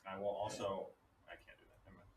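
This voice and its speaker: A man's voice: low-pitched, flat delivery, quick pace, darkish tone. A man playing a tabletop role-playing game, talking casually through his moves. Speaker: player in a tabletop RPG. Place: echoey room. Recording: echoey, distant mic with faint noise.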